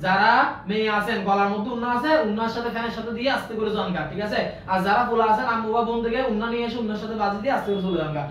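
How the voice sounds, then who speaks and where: A man's voice: high voice, fairly even intonation, rapid-fire, fairly bright tone, a little hiss or hum. A man teaching accounting in a live online class, playful and repetitive, drilling rules that the students recite with him. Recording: echoey, distant, dull lo-fi room sound.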